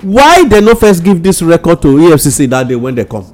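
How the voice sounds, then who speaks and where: A man's voice: a little high, sing-song, a little fast, darkish tone, soft background music. A Nigerian man speaking Nigerian Pidgin as host of a radio talk show discussion.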